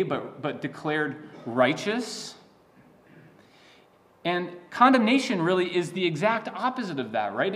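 Earnest male pastor preaching, fairly high voice. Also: a bit bright. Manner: earnest, emphatic teaching with restarts and asides. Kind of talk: sermon.

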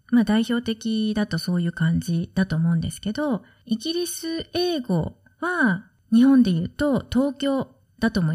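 Chatty woman podcast host, lively pitch. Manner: relaxed, chatty, explaining with soft asides. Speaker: study-abroad consultant and podcast host. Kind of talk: solo podcast talk.

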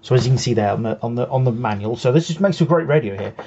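A man's voice: medium pitch, expressive, rapid-fire, mellow, highs cut off, slight background noise. A man co-hosting a hobby show, patiently explaining game rules in casual chat and often restarting his sentences. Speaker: co-host.

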